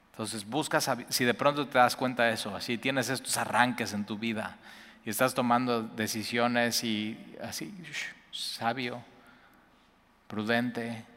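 A man preaching an earnest sermon, repeating words and rising in pitch to stress his points. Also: bright, forceful tone. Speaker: pastor. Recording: long hall reverb.

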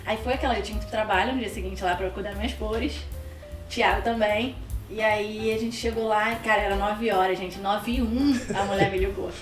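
A Brazilian woman in her thirties with a Brazilian Portuguese accent, a podcast guest telling stories in a casual, slangy, animated way and acting out the dialogue. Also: medium pitch, a little fast. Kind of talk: casual storytelling chat. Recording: roomy, distant mic, faint music.

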